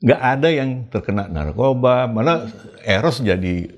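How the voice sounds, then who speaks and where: A man from Indonesia hosting an interview, asking calm questions and murmuring agreement. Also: medium pitch, measured pace. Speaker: interview host. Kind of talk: interview conversation.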